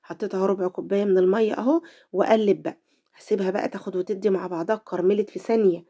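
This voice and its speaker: A woman's voice: mid-range voice, mellow, lo-fi sound. A middle-aged woman with an Egyptian Arabic accent hosting a home cooking tutorial, chatty and speaking straight to her viewers, her voice affected by a cold. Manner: chatty, talks to viewers directly. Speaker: cooking channel host.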